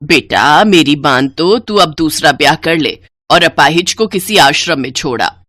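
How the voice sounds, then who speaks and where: Storybook mother-in-law, older, scolding and contemptuous, deeper voice, done by a woman narrator. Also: lively intonation, a little slow, a bit bright, full character voice. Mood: scheming.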